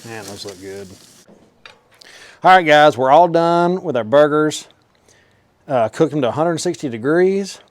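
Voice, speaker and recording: A man's voice: on the high side, normal speed, no echo. A man hosting a home cooking vlog, talking to the camera in a casual, folksy, informal way as he cooks. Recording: clear sizzling and frying noise. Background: food sizzling on a grill.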